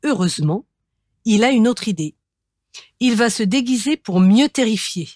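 A woman reading a children's story aloud in a gentle, measured way. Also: on the high side, lively intonation, no room sound.

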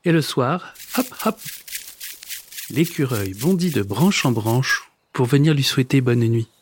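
A man narrating a children's story in a lively, expressive reading with playful sound words. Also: mid-range voice, a little slow. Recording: background noise.

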